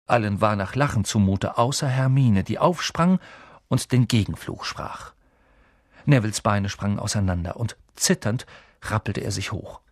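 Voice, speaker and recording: A male audiobook narrator with a husky, slightly breathy voice, telling the story in a lively way. The sound is dry and close, with no room around it. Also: lowish voice, normal speed, no echo. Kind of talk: scripted narration.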